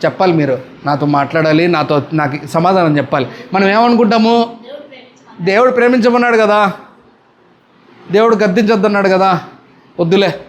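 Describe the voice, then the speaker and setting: A man's voice: sits high, a little fast, slight background noise. A male pastor with a Telugu accent preaching a sermon, often firing questions at the congregation and demanding answers.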